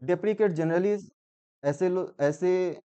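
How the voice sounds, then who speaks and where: Indian male vocab tutor, fairly high, mellow tone; reads definitions slowly, explains in Hindi. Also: clear, resonant tone, muffled recording. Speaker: English vocabulary teacher. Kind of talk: exam-prep vocabulary lesson.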